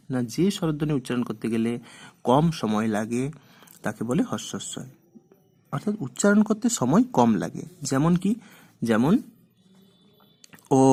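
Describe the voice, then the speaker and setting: A man's voice: a little high, warm tone, husky. A man teaching a grammar class, asking questions and then answering them himself. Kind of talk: grammar lesson.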